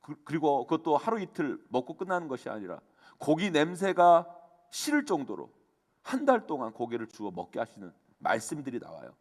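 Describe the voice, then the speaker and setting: A man's voice: fairly high pitch, huge pitch swings, fairly quick. A man, the senior pastor, preaching a fervent sermon and addressing the congregation again and again. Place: church sanctuary. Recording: long church hall reverb.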